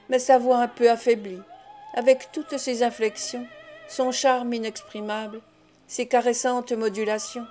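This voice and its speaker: A woman reading a classic novel aloud as an audiobook, in a measured, expressive way. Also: fairly high pitch. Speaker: audiobook narrator. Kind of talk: scripted narration of a classic novel.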